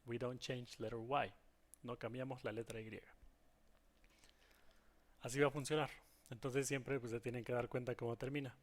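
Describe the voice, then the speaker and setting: A man's voice: mid-range voice, flat delivery, normal speed, pauses often. A man walks students through English grammar rules in a recorded lesson. He explains patiently and keeps checking in with his class as he goes. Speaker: English teacher.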